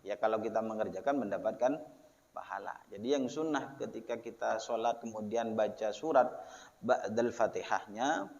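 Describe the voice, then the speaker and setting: Man, Javanese accent, lowish voice, religious lecture, dull lo-fi sound. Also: normal speed, vocal fry, a little mellow. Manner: reads the text with word-by-word glosses, then explains with frequent "ya". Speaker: religious teacher. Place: mosque or prayer hall. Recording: lo-fi with long hall reverb.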